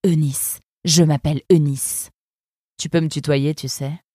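A woman's voice: sits low, fairly even intonation, a little slow, dark tone, dry recording. Lady playing a tattooed fox lady, blunt and teasing, dry close sound. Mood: laid-back. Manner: offhand, cynical, teasing. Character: tall tattooed female fox, blunt and laid-back.

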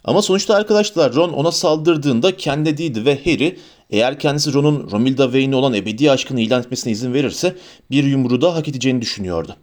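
A man narrating a fantasy novel aloud in a steady storytelling manner. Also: mid-range voice, racing. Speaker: audiobook narrator. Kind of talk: audiobook narration.

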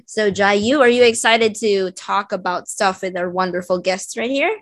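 A woman's voice: mid-range voice, normal speed, dry recording. A woman hosting a casual podcast chat, laughing often as she talks with her guests. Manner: giggly, chatty. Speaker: podcast host.

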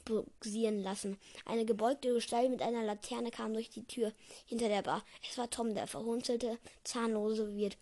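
Woman, fairly high voice, casual read-aloud, stumbling, self-correcting. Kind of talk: casual reading aloud of a book.

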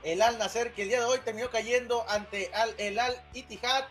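A man's voice: very high-pitched, fairly even intonation, moderate pace, fairly bright tone, faint music behind. A man co-hosting a casual football chat, teasing and joking with the others. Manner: teasing, playful, jokey. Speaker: co-host.

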